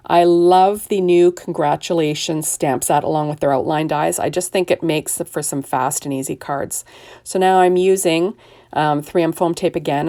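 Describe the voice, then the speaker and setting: This card-making host is an older woman whose low voice sounds gravelly, rough and hoarse as she recovers from being ill, though her manner stays mellow. Chatty and quick to poke fun at herself, she marks every step of her casual craft narration with "there we go."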